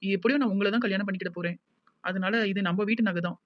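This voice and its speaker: In a cartoon, a devoted young village woman with a Tirunelveli Tamil accent is voiced by an actor who talks fast, soothing yet insistent, pressing her point again and again. Her natural voice is medium-pitched, and the audio sounds dull and lo-fi.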